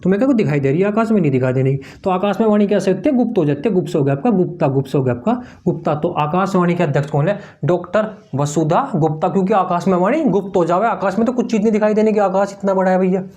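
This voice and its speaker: High-voiced man drilling exam mnemonics. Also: quick pace, few pauses, a little mellow. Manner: repeats each answer as a question-and-answer drill, calls students "bhaiya"; talks while writing on a board. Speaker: exam coaching teacher. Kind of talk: mnemonic tricks lesson.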